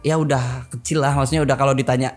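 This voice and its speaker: A man's voice: medium pitch, fairly even intonation, fast, soft background music. Chatty young man. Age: 20s. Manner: chatty, slangy, full of fillers and laughs. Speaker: podcast host. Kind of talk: casual podcast chat.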